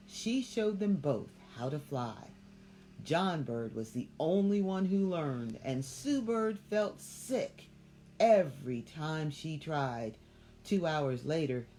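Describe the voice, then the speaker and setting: Woman reading to kids, low voice, very lively pitch, slow, expressive, asks questions. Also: slight background noise. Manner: expressive, asks listeners questions between passages. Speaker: children's story reader. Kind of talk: reading a picture book aloud to children.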